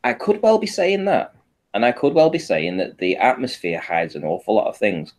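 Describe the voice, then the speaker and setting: Huge pitch swings mark this man's lowish voice, delivered at normal speed. He's a panel guest informally explaining a photo analysis, walking through the images in steps and checking everyone follows.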